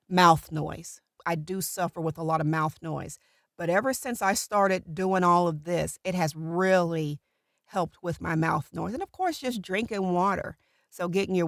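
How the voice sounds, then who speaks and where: A middle-aged woman with natural vocal fry, a voiceover artist casually explaining a routine to camera from a small recording booth. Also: on the low side, dry recording, studio quality.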